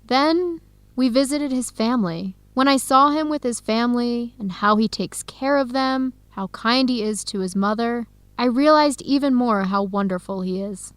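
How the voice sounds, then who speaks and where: Playing an earnest young researcher in a radio drama for English learners, an actress confides with care and clarity, sounding sad and hopeless. Her natural, fairly high voice moves at normal speed in a dry recording.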